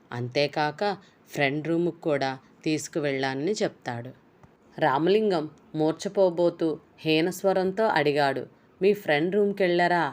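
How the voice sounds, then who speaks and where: Low-voiced woman telling a story. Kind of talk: novel summary and reading.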